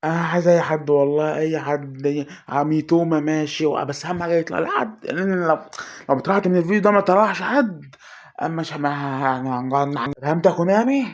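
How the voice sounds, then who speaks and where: A man with an Egyptian Arabic accent giving excited pack-opening commentary for his gaming channel, anxious and pleading, swinging between groans and shouts. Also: a little high, fast. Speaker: gaming YouTuber.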